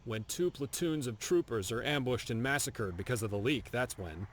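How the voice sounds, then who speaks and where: A man's voice: medium pitch, lively intonation, normal speed, close to an everyday voice. An actor playing a stern male military officer who hands out a kill contract in a formal, clipped, contemptuous way. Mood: stern briefing. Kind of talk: video game dialogue.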